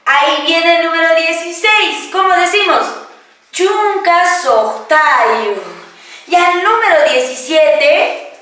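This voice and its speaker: Slow-speaking woman teaching in an echoey room. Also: very high-pitched, bright, forceful tone, recorded from a distance. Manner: patient, asks and answers her own questions, draws out numbers slowly. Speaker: Quechua teacher. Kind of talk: classroom-style language lesson, question and answer.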